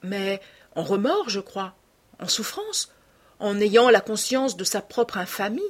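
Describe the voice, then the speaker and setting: Cast: a serious, conscientious painter, measured and slow, read by a woman. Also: medium pitch, very animated. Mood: grave. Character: troubled, gentle male painter. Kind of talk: audiobook character reading.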